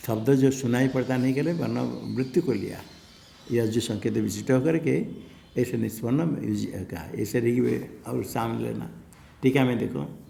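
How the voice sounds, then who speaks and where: A man teaching a scripture class in an ashram, explaining at an unhurried pace with an occasional soft laugh. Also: mid-range voice, gravelly, a little hiss or hum.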